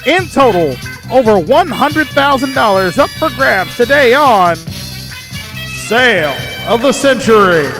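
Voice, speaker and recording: Male game show announcer, high register, booming prize reads, emphatic and stretched out, light music underneath. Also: expressive. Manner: emphatic, projected delivery with drawn-out phrases.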